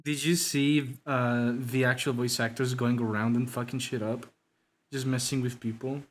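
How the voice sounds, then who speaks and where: A man's voice: mid-range voice, flat delivery, normal speed. A man, chatting casually and laughing often while he draws on a live stream. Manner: laughing often, loose and joking. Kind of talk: casual chat while drawing.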